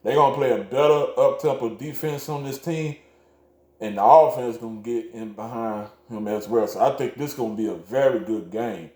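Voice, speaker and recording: A man's voice: medium pitch, moderate pace, warm tone. A man co-hosting a casual sports chat, easygoing and often laughing at his own picks. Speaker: co-host making game picks. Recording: echoey room.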